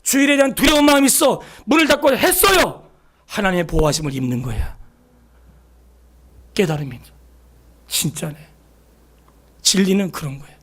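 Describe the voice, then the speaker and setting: A man preaching a sermon in a church, acting out quoted voices and swinging between loud exclamations and hushed asides. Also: high voice, animated, moderate pace, pauses often, husky. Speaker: pastor. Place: church sanctuary.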